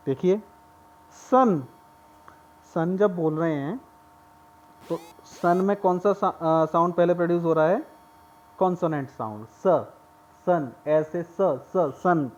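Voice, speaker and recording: A man's voice: high-pitched, dull audio. A male teacher explaining a grammar lesson step by step and often checking that his students follow.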